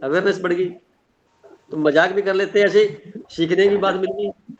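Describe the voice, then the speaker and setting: A man's voice: high-pitched, steady tone, moderate pace. A middle-aged man teaching a spiritual class, explaining earnestly with everyday examples and sayings. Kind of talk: online class talk. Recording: dull lo-fi sound.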